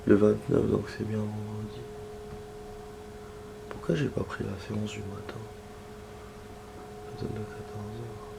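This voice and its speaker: Here a man with a cold streams a game, reading its text aloud and chatting in an unhurried way with frequent pauses. The background is noisy, and his low, gravelly, flat voice drifts into muttered asides as he clears his throat.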